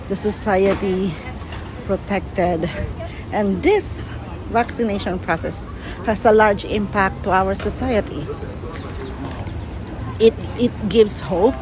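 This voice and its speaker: A young woman whose first language is Filipino films a walking vlog on a handheld phone while off screen, speaking earnestly at medium pitch and repeating words for emphasis. She's outdoors on a busy city waterfront plaza, and the rough recording picks up street noise.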